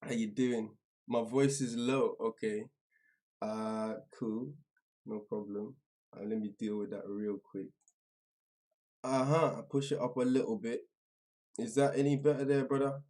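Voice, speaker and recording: Sitting a bit back from the microphone, a male livestream host talks to viewers in informal, slangy language. His medium-pitched voice is warm and steady, but he halts, seems distracted, and trails off mid-sentence.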